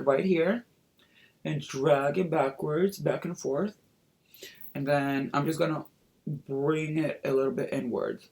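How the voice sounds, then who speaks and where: A man with a slightly high, somewhat bright voice chats his way through a casual get-ready-with-me makeup tutorial. He's a makeup vlogger and drag performer, sassy in his drag queen persona and tossing out campy slang and exclamations.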